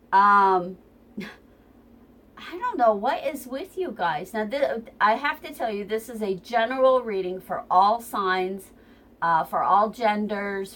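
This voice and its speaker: A woman with a mid-range, slightly bright voice gives a tarot reading at home near the kitchen, captured on a tripod camera. Her nose is stuffy and runny, and she rambles chattily with plenty of ums.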